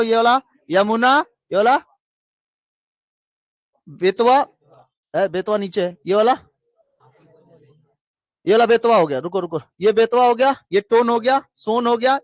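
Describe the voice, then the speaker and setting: In a geography class, a high-voiced man drills his students, chanting through lists in a sing-song way and asking checking questions. There's no echo on the recording.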